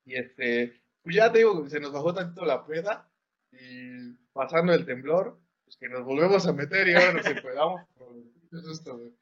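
A man's voice: a little high, animated, normal speed, fairly bright tone. A young man with a Mexican Spanish accent telling a story in casual chat, full of slang and swearing. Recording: dull lo-fi sound.

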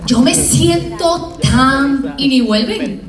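A woman professor with a Puerto Rican accent, giving a lively motivational talk to students and acting out little scenes as she tells them. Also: sits high, takes it slowly, a crowd in the background. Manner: lively, acts out scenes in small voices. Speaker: university professor. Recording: echoey room, from far off.

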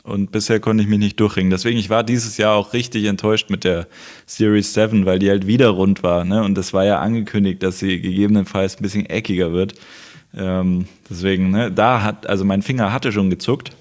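A man co-hosting a casual tech podcast, musing out loud with hesitations. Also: fairly low pitch, fairly even intonation, a little fast. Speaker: podcast co-host.

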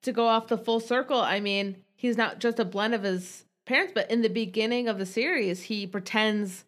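A woman's voice: a little high, moderate pace. A woman co-hosting a podcast, chatting reflectively about a TV series with lots of casual fillers. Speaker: podcast co-host. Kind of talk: casual chat recapping a TV show.

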